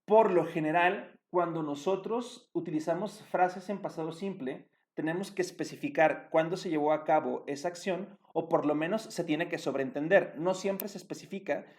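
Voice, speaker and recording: A man's voice: a little high, moderate pace, hardly any pauses, a little mellow. A man, teaching English grammar and stopping often to check that his students follow. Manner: patient, checks understanding with tag questions. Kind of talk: explaining grammar at a board.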